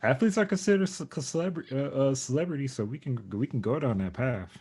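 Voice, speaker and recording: A man's voice: mid-range voice, expressive, brisk, a little mellow, slightly rough. A man hosting a podcast, asking easygoing questions in casual chat. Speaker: podcast host.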